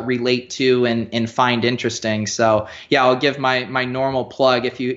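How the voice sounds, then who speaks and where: A man chatting as a podcast guest, loose and easygoing, with frequent "you know"s. His voice sits at a middle pitch. The recording sounds a little dull and lo-fi. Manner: relaxed, loose, lots of you-knows. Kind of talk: casual podcast chat.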